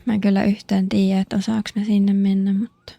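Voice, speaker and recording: A woman streamer chats playfully through her game, joking to herself and her viewers. Her voice is mellow and relaxed at a middle pitch. It is recorded dry and close. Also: creaky, no room sound. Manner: playful, jokey, chatty. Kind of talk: casual game commentary.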